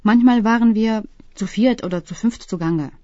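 A woman's voice: on the high side, normal speed, dark tone, no room sound, pitched above the performer's own voice, close to an everyday voice. A woman reading the lines of an irritable young man on a camping trip, grumbling and sulky. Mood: chatty. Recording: dull, dry close-mic sound.

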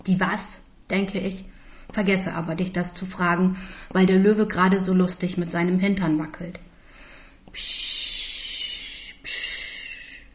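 A woman reading a first-person story aloud in a calm, slow voice, dropping to a whisper for some spoken lines. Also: on the low side. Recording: dull lo-fi recording.

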